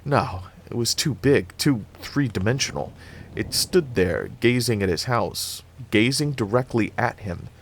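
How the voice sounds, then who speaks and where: A man reading a novel aloud in a lively, expressive way. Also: medium pitch, measured pace, a little hiss or hum. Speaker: reader.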